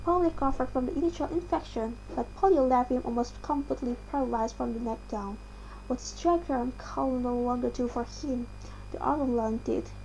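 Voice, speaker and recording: Female reader, Indonesian accent, high mellow voice, careful narrative article reading with occasional stumbles, light hum behind. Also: moderate pace, low-quality recording. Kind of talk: article read aloud.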